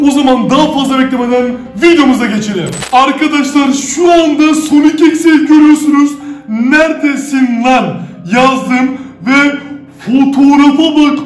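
A male YouTuber at home, chatting excitedly to viewers, loudly claiming to be scared and swearing now and then. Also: very high voice. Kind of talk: staged scary chat to viewers. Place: indoors at home. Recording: roomy echo with faint music.

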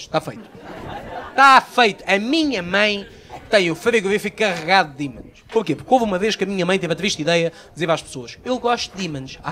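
Portuguese stand-up guy, high voice, loud and sweary crowd work, a bit of noise behind. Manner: loud, profane banter with the audience. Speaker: stand-up comedian. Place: comedy stage before a live audience. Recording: live show with faint crowd noise.

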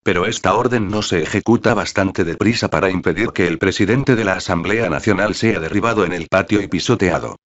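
A man narrating an audiobook in a measured, steady storytelling manner. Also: low-pitched, muffled recording. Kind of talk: scripted narration.

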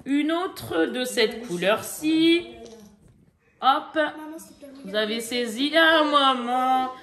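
A woman's voice: high-pitched, lively intonation, drawn-out words. Chatty French-speaking woman, haul vlog. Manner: chatty, talks straight to viewers, many fillers and asides. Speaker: vlogger showing a shopping haul. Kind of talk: casual haul vlog chat.

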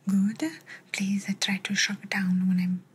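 A young woman playing a calm, encouraging Italian clinician in a whispered role-play, giving gentle step-by-step instructions in an Italian accent. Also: medium pitch, unhurried, slightly rough. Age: young adult. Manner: gentle step-by-step instructions with repeated short praise. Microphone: close ASMR microphone.

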